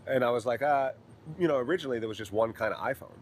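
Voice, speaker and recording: A man hosting a casual podcast, a stand-up comic who talks in a relaxed way with lots of "uh" fillers. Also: medium pitch, rapid-fire, slight background noise.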